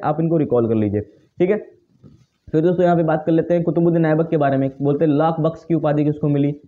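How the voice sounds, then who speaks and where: A man teaching an exam-prep lesson in a casual spoken way, tagging nearly every phrase with "theek hai" and answering his own questions. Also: fairly high pitch. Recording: dull lo-fi recording.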